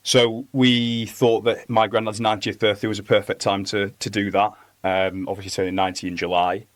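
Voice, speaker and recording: A young man speaking earnestly as a podcast guest, halting with fillers. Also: lowish voice, level tone, no room sound. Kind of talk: casual interview talk.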